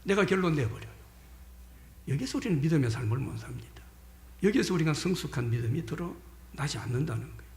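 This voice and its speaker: A male pastor delivers a sermon in a lively, somewhat high voice that rises sharply for emphasis and drops to near-whispers. He asks the congregation rhetorical questions as he preaches. The sound rings around an echoey church sanctuary. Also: a little fast, vocal fry, pauses often. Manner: emphatic preaching that swings between loud stresses and hushed whispers. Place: church sanctuary during a Sunday service.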